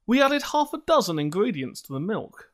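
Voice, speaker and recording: A man's voice: high-pitched, sing-song, a little fast, a bit bright, slight background noise. A man reading scripted comic narration in a dry, mock-dramatic way.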